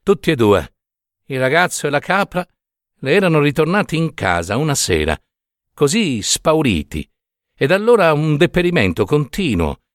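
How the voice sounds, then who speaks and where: A man reading a story aloud with expressive, dramatic phrasing and long pauses. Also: fairly high pitch, no echo, clean studio sound. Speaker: narrator.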